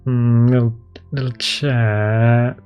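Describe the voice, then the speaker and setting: A man improvising narration as game master of a tabletop game, halting and hesitant. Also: mid-range voice, little pitch movement, clear, resonant tone, muffled recording. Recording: music playing behind the voice.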